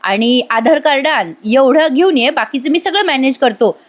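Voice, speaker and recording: A woman's voice: high-pitched, animated, normal speed, voice pushed up. A woman voicing a young man who plans an elopement and reassures his girlfriend, in a retold TV serial. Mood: reassuring.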